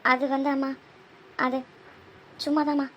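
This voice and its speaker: A woman's voice: high voice, level tone, a little slow, a bit bright, lo-fi sound. A woman voicing a troubled young medical student who hesitates and dodges her mother's questions. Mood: evasive. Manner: evasive, hesitant, deflecting. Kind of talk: cartoon voice acting.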